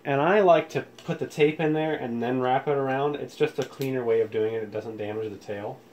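A man hosts a casual how-to tutorial, explaining things informally, step by step. His mid-range voice is a little fast and a little mellow. He is indoors in a room with audio equipment, and the background room noise is clear.

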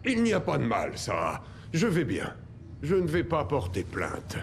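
A suave clinic doctor in a dubbed video game. He is courteous and formal, with animated pitch and a faint noise behind him. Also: measured pace, full character voice. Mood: courteous, composed. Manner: smooth-talking, formal, courteous. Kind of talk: video game dub acting.

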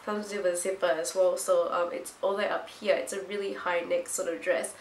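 Congested and nasal from a cold, a young woman who vlogs about fashion talks to camera in a lowish voice, flat and brisk. She has a blocked nose and an itchy throat, and the small hard-walled room gives the recording a roomy echo and faint background noise.

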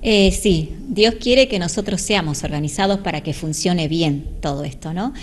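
Her voice is on the low side and moderately paced as this forty-something church volunteer answers local TV questions in a church hall. She speaks earnestly into a handheld reporter mic, inviting people in and veering into preaching, with slight background noise.

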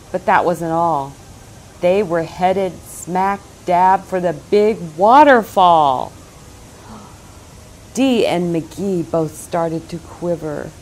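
Reading a picture book to small kids, a middle-aged woman uses a rather low voice and dramatic, expressive phrasing with pauses. The recording is rough, with slight background noise.

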